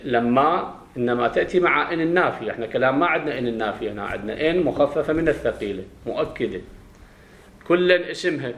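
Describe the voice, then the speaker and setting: Iraqi sheikh teaching grammar in echoey room. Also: male voice, medium pitch, lively intonation, a bit bright, slight background noise. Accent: Iraqi Arabic. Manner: explains slowly, quizzing students, chanting verses. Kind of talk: classroom grammar lesson. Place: classroom. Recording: roomy classroom echo.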